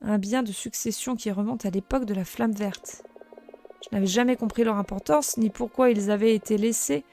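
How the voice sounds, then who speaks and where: A woman reading the lines of an earnest young male rat guard in a video game, in a plain, soft-spoken way. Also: mid-range voice, moderate pace, soft background music, natural voice.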